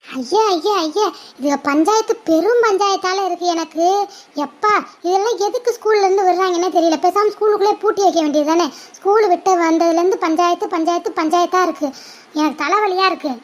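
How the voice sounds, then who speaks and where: A loud, exasperated village mother scolds her daughters nonstop, as a woman acts her out. Her voice sits high. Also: a little fast. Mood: scolding.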